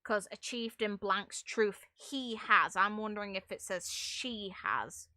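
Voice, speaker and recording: Live-streaming a game, a woman rambles in a slow, mid-range voice with a sharp edge, her humor wry and mildly profane. The recording is dry, and game music runs in the background.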